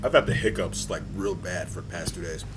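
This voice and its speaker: Deep-voiced, deadpan podcast co-host man. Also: a little fast, music in the background. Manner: laid-back, deadpan, stubborn. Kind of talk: casual podcast banter.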